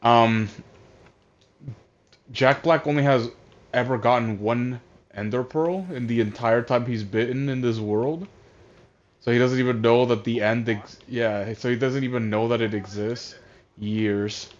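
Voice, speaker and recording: A man talking casually over voice chat, rambling through an exasperated rant full of restarts and swearing. His pitch sits in an ordinary middle range. The audio is dull and lo-fi, like cheap console chat. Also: steady tone, unhurried. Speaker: streamer. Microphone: voice chat headset.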